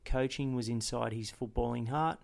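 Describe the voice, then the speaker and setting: A man's voice: medium pitch, fairly even intonation, normal speed, creaky. A man hosting a local football history podcast, reading a formal intro and then interviewing a guest.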